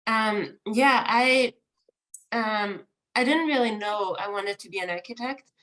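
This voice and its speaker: A woman's voice: medium pitch, a little slow, a bit bright, rough recording. A woman in her thirties from Austria, speaking as an architect in a conversational interview. She tells her story with animation and leans on "like" and "um". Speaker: architect, studio co-founder.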